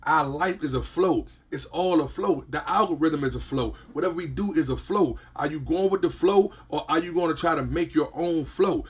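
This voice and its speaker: A man's voice: on the high side, normal speed, hardly any pauses, husky. A man, a podcast host chatting casually and emphatically, often repeating "you feel what I'm saying". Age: 40s. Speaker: podcast host and business owner.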